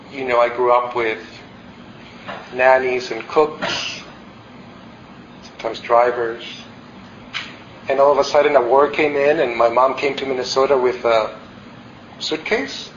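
A man in his forties from El Salvador, a meditation teacher, gives a candid and reflective dharma talk full of fillers and restarts. His voice sits in the mid range with a slight hiss or hum. The recording, made in a meditation hall, sounds roomy and a little dull.

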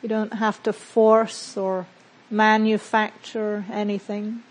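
A woman meditation teacher guides a mindfulness practice gently and unhurriedly, leaving long pauses between phrases. Her medium-pitched voice moves little in pitch, and the recording is rough.

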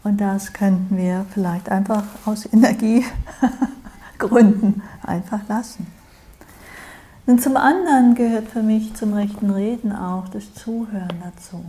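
A woman giving a dharma talk to a group, speaking slowly and at an easy pace. Her voice sits at a middling pitch, and she often pauses to check in with her listeners. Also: mellow. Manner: slow, reflective, with frequent "ja?". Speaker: meditation teacher.

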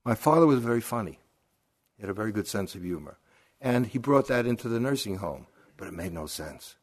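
A man's voice: fairly low pitch, lively intonation, a little fast, breathy edge. An older man, a meditation teacher giving a dharma talk at a retreat, telling stories conversationally and asking rhetorical questions.

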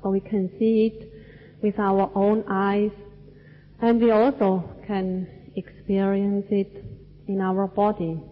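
A woman from Switzerland gives a dharma talk at a very unhurried pace, weighing each short phrase. Her voice trails off into the long reverb of a large cinema hall. The recording sounds dull and lo-fi. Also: medium pitch, flat delivery. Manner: slow, measured, deliberate phrasing. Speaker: Buddhist teacher.

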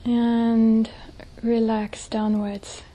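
Her voice a little high and monotone, a woman serves as teacher for a guided meditation. She speaks gently and breathily in a soft hush, pausing at length.

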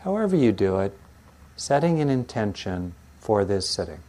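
Soothing, low-voiced man guiding meditation. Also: sing-song. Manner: soothing, gentle, unhurried, like a yoga teacher, with pauses. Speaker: meditation teacher leading a guided sitting. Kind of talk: guided meditation instruction.

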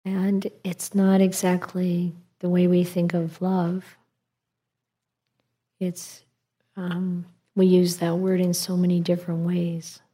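A woman teaching meditation in a calm, meditative tone. Her voice is soft, a little husky and mellow, and she speaks very slowly, leaving long pauses between short phrases. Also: on the low side. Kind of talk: guided meditation instruction.

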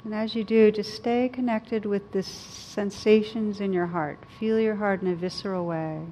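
A woman speaking as a meditation teacher, in a gentle, unhurried way with frequent pauses, as in a reflective talk or guided practice. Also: fairly even intonation, poor audio. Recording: clear low rumbling background noise.

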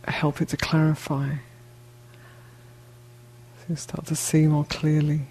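A woman meditation teacher speaks in a low, mellow, soft-edged voice with a breathy edge and a level tone that barely rises or falls. Slowly and gently, she guides the listener in short phrases separated by long pauses. The audio quality is poor.

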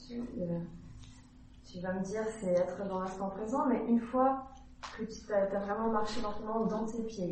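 A woman's voice: medium pitch, mellow, recorded from a distance, slight background noise. Woman asking a question, casual and musing, heard from afar in a very echoey room with faint ambience. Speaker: retreat participant asking a question.

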